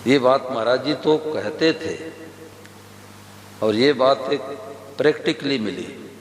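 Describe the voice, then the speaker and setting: A man's voice: mid-range voice, slow pace. A man giving a devotional sermon to a gathering, telling stories with quoted dialogue and asking the audience questions. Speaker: religious preacher. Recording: echoey hall with faint hum.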